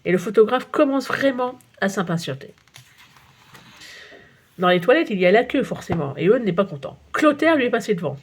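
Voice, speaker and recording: A woman narrating a children's audiobook in a playful, expressive way. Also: mid-range voice, brisk, slightly rough.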